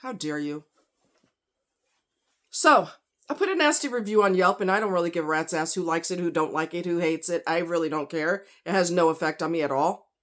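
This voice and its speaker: A woman's voice: on the low side, quick pace, a bit bright. A woman in a casual, indignant rant, swearing freely and repeating words for emphasis like a fed-up patient venting. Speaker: patient and former medical worker. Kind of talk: personal rant to camera, casual.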